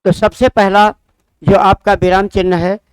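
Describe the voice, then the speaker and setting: Slow, clear-voiced male grammar teacher. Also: sits high, level tone, no echo, rough recording. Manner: slow, deliberate, repeats examples with marked pauses; quizzes listeners with questions he answers himself. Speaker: exam coaching teacher. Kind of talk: Hindi grammar lesson.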